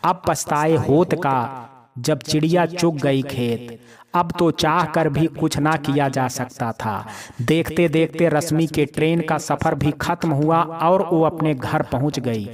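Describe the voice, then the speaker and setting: A man narrating a family drama in a measured, descriptive way, with crowd noise behind. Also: on the high side. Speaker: storyteller.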